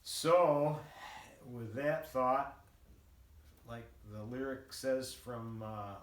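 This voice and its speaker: An older man giving a casual devotional monologue, rambling in a halting, hesitant, reflective way. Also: medium pitch. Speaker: vlogger. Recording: roomy, distant mic, faint background noise.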